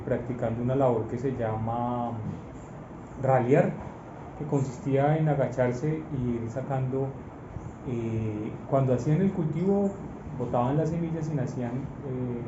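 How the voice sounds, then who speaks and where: A Colombian man in his forties answering interview questions about his childhood, pausing often with fillers. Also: medium pitch. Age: 40s. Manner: hesitant, many "eh" fillers. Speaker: interviewee, father. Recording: echoey room, muffled, noisy.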